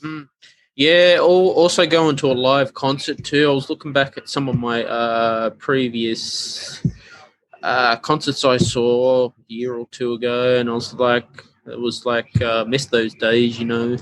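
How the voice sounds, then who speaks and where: A man hosting a podcast, chatting in a laid-back, halting way with lots of fillers and murmured agreement. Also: mid-range voice, flat delivery, fairly bright tone. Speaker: podcast host. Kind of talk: casual podcast chat.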